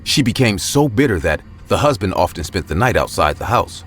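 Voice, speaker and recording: A man narrating a scripted horror story with a steady storytelling delivery. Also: deep voice, fairly quick.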